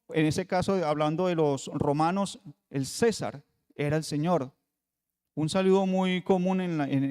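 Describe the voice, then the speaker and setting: A man preaching a Bible study sermon, with rhetorical questions and emphatic pauses. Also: on the high side, a little mellow. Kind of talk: radio sermon teaching. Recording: long hall reverb.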